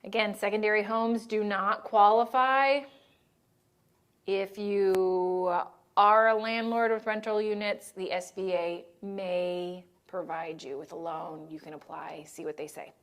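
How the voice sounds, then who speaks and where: At a medium pitch and a slightly slow pace, a woman leads a training session on disaster assistance in a steady tone. She talks casually and keeps checking in with attendees with "right?" and "okay?"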